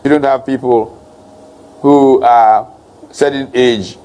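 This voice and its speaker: A man's voice: medium pitch, fairly even intonation, slow, mellow. A man in his sixties giving public remarks as a senior official, in a wry, self-deprecating way. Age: 60s.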